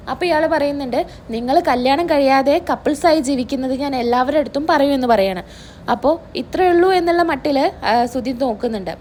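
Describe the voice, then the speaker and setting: A woman with a high voice walks through a serial episode scene by scene. She quotes each character's lines in her own casual telling, with a faint hiss of background noise. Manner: retells scenes line by line, quoting the characters' dialogue; fills pauses with drawn-out "aa". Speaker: serial review vlogger.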